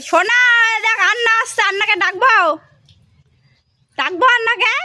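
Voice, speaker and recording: A woman's voice: very high voice, normal speed, bright, forceful tone, dry recording, studio quality. A mother calling to her toddler in coaxing baby talk, repeating short sing-song calls.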